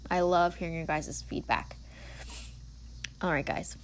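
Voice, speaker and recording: A woman's voice: lowish voice, fairly even intonation, unhurried, slight background noise. A woman in her twenties hosting a casual solo podcast, talking earnestly and encouragingly with lots of filler words. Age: 20s. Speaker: podcast host.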